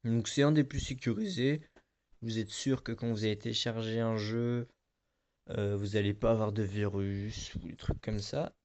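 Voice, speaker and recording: A man's voice: fairly low pitch, steady tone, normal speed, a little mellow. A man hosting a casual screen-recording tutorial, talking in a chatty, rambling way with many hesitations and filler words. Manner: chatty, rambling, lots of "donc voilà" and hesitations. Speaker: tutorial video host.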